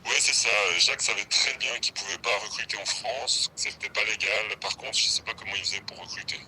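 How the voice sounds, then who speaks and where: A man's voice: fairly low pitch, brisk, sharp tone, a little hiss or hum, rough recording. A man whose voice is disguised by a voice changer, an anonymous former business associate giving loose, colloquial interview answers with fillers.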